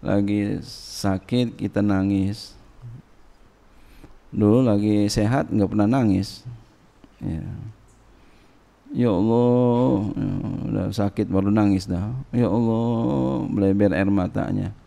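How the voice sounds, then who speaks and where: Slow gravelly religious teacher. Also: male voice, lowish voice, flat delivery, dark tone. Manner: reads Arabic phrases then translates them slowly, with casual Jakarta slang asides. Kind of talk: Islamic study sermon reading a classical text.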